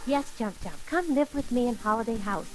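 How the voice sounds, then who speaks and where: A woman narrating a children's story for an old record in a sweet, gently theatrical way, talking kindly to a little elf. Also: on the high side, expressive, brisk, loud music behind the voice, poor audio. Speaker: storyteller and host.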